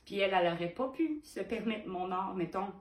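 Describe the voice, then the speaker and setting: A woman's voice: medium pitch, animated, a little fast, roomy sound. A woman painter with a Québécois French accent, talking frankly and animatedly to her viewers, firing rhetorical questions. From Quebec. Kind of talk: direct-to-camera vlog.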